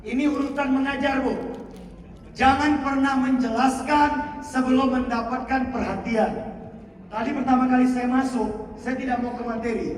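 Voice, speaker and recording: Guy with a really high voice running a teacher seminar, loud call and response, echoey hall, mic far off. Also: slight background noise. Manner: energetic, drills the audience with call-and-response; stretches key words slowly for emphasis. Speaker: teacher trainer. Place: school hall.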